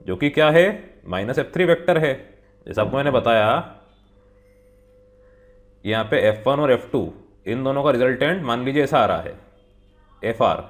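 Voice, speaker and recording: A man teaching physics in a step-by-step lesson, patiently explaining each point to his students and slowly reading out the problem. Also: medium pitch. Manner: slow, patient, talks the viewer through each step; reads the question text slowly, word by word. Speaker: physics tutor. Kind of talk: whiteboard lesson, mixing Hindi and English.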